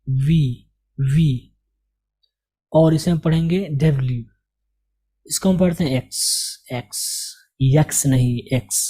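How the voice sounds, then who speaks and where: A man leads a spoken English lesson at an unhurried, deliberate pace. His voice is dark and mellow, and he drills each letter by asking and answering his own questions. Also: a little high. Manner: Urdu-flavoured Hindi speech. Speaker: English teacher.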